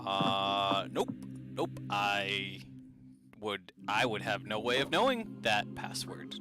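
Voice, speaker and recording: A man's voice: on the low side, takes it slowly, over music, pitched below the performer's own voice. A man voicing the ghost of a male cloud giant, rambling and stammering defensively in a tabletop game. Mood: evasive. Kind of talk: tabletop game role-play.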